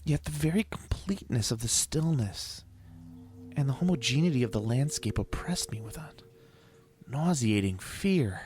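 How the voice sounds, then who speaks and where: A man reading gothic horror as a despairing, doomed sailor, with a grave, measured, anguished delivery. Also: medium pitch, lively intonation, a little mellow, natural voice. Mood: haunted dread. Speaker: story narrator.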